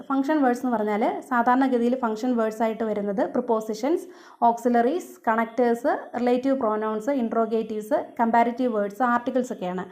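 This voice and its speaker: Woman tutor, fast exam-prep lecture, slightly high voice, explains point by point. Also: darkish tone. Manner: explains step by step, mixing English terms into Malayalam. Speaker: teacher.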